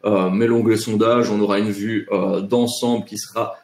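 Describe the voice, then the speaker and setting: A man moderating a live education webinar, unhurried, with drawn-out fillers between phrases. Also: fairly low pitch, fairly even intonation, darkish tone, reverberant.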